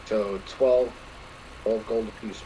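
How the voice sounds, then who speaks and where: A man's voice: lowish voice, fairly even intonation, takes it slowly, mellow, a little hiss or hum, low-quality recording. A man playing in a tabletop game, chatting casually with lots of slang. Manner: casual, slangy, says "bro". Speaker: player. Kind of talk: casual chat.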